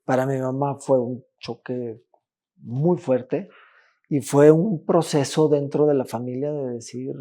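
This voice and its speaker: A man, telling his own story as a podcast guest, halting, with restarts and repeated words. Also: medium pitch, steady tone, dark tone. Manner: halting, with frequent restarts and repetitions. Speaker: interview guest. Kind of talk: personal testimony in a podcast interview.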